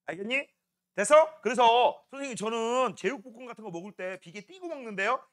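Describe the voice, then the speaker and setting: A man teaching a middle-school science lesson, animated and joking, constantly checking that his students follow. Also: very high-pitched, a little fast. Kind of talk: classroom science lecture.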